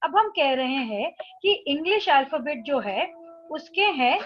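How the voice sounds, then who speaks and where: A woman teacher explaining a textbook lesson, reading the English lines slowly and then explaining them in Hindi. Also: sits high, animated, lo-fi sound, soft background music.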